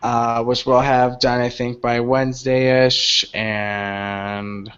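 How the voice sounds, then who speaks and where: A man's voice: mid-range voice, level tone, slow, fairly bright tone, clean tone. A man co-hosting a podcast, laid-back and laughing easily as he plugs his channels. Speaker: podcast co-host. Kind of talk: casual podcast banter. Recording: dull lo-fi livestream audio.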